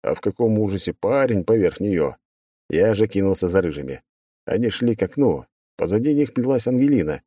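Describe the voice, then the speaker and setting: A man reading a first-person audiobook in a brisk, wry storytelling manner on a close mic. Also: on the low side, expressive, warm tone, no echo. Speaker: audiobook narrator.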